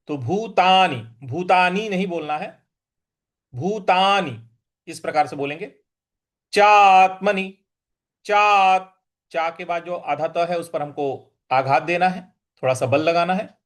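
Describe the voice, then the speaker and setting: A man teaching a recitation lesson, repeating each word slowly and drawing out syllables as he chants verses. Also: on the high side. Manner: slow, careful, drawn-out syllables in chanted verse; repeats words for practice.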